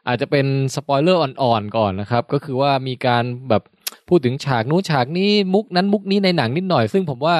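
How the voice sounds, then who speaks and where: A man's voice: medium pitch, animated, fast talker, hardly any pauses, no room sound, clean studio sound. A man politely announcing a spoiler warning to listeners. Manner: polite, clear, addresses listeners.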